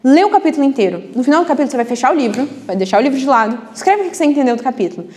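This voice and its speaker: Fast-talking high-voiced woman teacher. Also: sing-song, darkish tone. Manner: chatty, frequent tag questions. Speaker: book club teacher. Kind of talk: live class lecture. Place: classroom. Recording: reverberant classroom.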